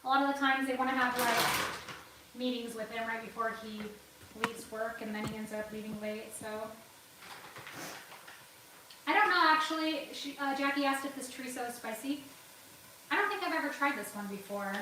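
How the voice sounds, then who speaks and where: A woman hosts a casual cooking livestream from her home kitchen, chatting, laughing often, and sniffling from a runny nose. Her voice is fairly high, at normal speed with long pauses, recorded far from the mic in an echoey kitchen with background noise.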